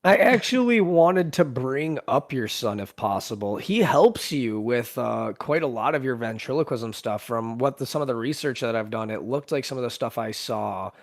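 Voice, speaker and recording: A man hosts a casual interview in a mid-pitched voice. He asks his questions in a friendly, eager way. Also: lively intonation, moderate pace, hardly any pauses.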